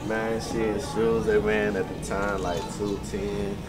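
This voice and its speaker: A man's voice: lowish voice, level tone, slow. A young man in a shopping mall, answering casually and going through his outfit piece by piece. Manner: laid-back, listing prices of his outfit. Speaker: interviewee. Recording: loud music in background.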